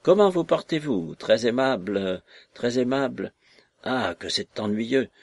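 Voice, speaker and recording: A man reading aloud who voices a shrill, mocking and fawning little lame man, raising his voice to a yelp. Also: lively intonation, unhurried, gravelly, darkish tone, slightly rough, exaggerated voice. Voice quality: yelping, shrill. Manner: mocking, ingratiating, exclamatory. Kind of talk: audiobook character voice.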